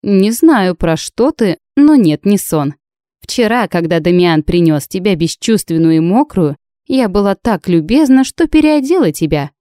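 A woman's voice: mid-range voice, expressive, unhurried, warm tone, dry recording, studio quality, lightly acted. A woman voicing a sly, teasing old witch in an audiobook. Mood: wry teasing.

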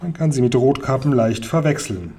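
A man voicing a cautious elderly grandmother in a storybook reading, speaking slowly and politely. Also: mid-range voice, expressive, dark tone, husky. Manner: slow, careful, polite.

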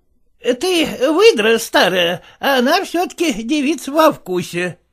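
A woman reading a story aloud, voicing a sharp, coarse old mother scolding her grown daughters. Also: high-pitched, big pitch swings, a little slow, full character voice. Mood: scornful. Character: scolding old widowed mother of two spinsters. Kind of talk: audiobook character voice.

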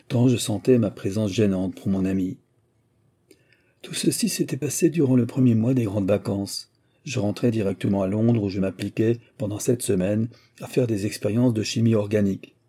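A man narrating an audiobook in the first person, reading in a steady, measured way. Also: fairly low pitch, slightly rough.

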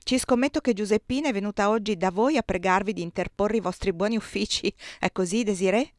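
A woman's voice: mid-range voice, fast, dry recording, lightly acted. Sardonic smug man for a storybook reading , voiced by a woman reader, teasing and ironic, dry close sound. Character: ironic, cognac-drinking man, smug brother-in-law.

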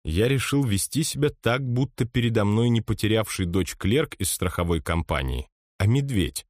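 A man narrating an audiobook in the first person with measured, steady storytelling. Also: on the low side, no echo, clean studio sound.

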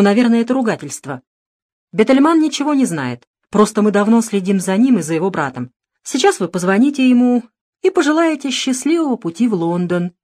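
A woman's voice: medium pitch, darkish tone, no echo, pitched above the performer's own voice. A woman reading a stern, mocking detective. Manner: stern, needling. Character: cool, mocking male private detective. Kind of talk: audiobook narration.

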